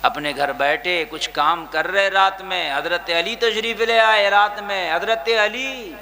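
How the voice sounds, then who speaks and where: A man preaching an emotional sermon, dropping to a hush and then shouting, with sighing cries in between. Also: sits high. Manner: swings from hushed to shouting, sighs and wails. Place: gathering with a live crowd.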